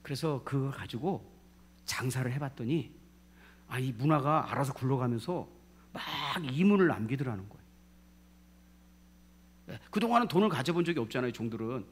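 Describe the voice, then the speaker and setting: A middle-aged man with a Jeolla Korean accent preaching a sermon, calling out for amens and swinging from loud to hushed. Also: mid-range voice, lively intonation, normal speed, pauses often, husky. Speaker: pastor.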